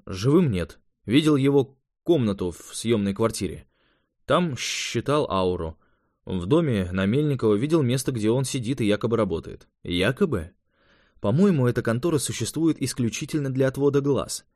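Eager young male mage in an audiobook, higher and livelier than the narration, dry close sound, voiced by the male reader. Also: animated, moderate pace, a little mellow, no echo, close to an everyday voice. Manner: raised, eager, explanatory.

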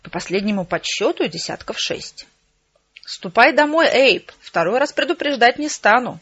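A woman voicing a stern male sheriff in an audiobook, speaking in a low, grim whisper and curt warnings. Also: expressive, brisk, slightly rough, highs cut off.

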